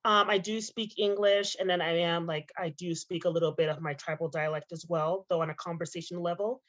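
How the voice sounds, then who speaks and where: A woman's voice: lowish voice, fairly even intonation, a little fast, a bit bright. A young woman from Spain, a native Spanish speaker, answering interview questions in a chatty way with many fillers. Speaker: interview guest, actress and author. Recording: dull lo-fi audio.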